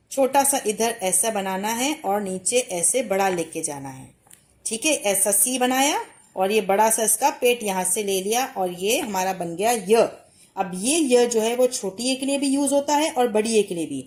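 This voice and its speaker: Patient woman teaching letters step by step. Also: a little high. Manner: patient, clear explaining and letter-by-letter reciting. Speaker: language teacher. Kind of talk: step-by-step handwriting lesson.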